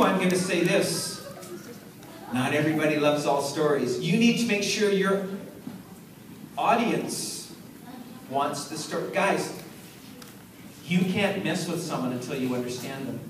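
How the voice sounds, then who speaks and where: A man, an author, giving a lively talk to schoolchildren at an assembly. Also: sits high. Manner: animated storyteller, acts out voices and hums riffs. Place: school hall with audience. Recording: echoey hall from far off, noisy.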